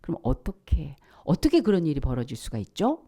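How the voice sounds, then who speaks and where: A woman pastor preaching at a church service. She asks rhetorical questions, repeats her key points, and drops now and then to a hushed, breathy whisper. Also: sits low, huge pitch swings, a little fast. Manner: rhetorical questions and emphatic repetition. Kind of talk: sermon.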